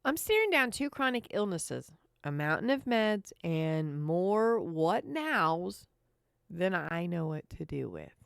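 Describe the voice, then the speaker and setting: A woman's voice: lowish voice, very animated, slow, creaky, clear, resonant tone, no room sound, studio quality. A woman hosting a podcast, telling her story in a chatty, sarcastic monologue and calling her listeners folks. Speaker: podcast host. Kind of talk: casual monologue.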